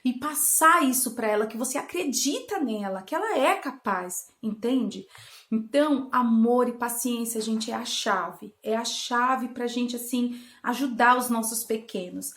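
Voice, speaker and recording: High-voiced woman in an echoey bedroom. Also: unhurried. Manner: warm, coaxing, acts out playful dialogue with a child. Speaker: channel host giving parenting tips. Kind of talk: casual home teaching talk. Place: children's bedroom at home.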